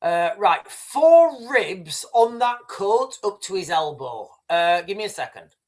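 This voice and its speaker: Here a man hosts a livestream, offering rambling running commentary over videos and addressing viewers as "guys," with frequent restarts and "right." He has a high, sing-song voice and takes his time.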